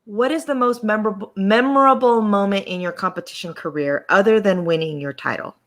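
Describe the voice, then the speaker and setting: A woman hosting a relaxed conversation over a video call, at a middle pitch for a woman. She speaks in an encouraging, emphatic way, stressing her points and checking in with her listener. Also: a little fast. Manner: encouraging, emphatic, tags questions with "okay?". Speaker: host. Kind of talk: casual chat.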